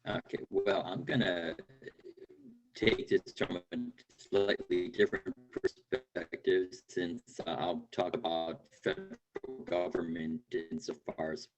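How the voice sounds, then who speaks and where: Very deep man on a breaking-up call. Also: big pitch swings, takes it slowly, faint music behind, rough recording. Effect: audio cutting out on a bad connection. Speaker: panelist. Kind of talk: panel discussion. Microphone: video call.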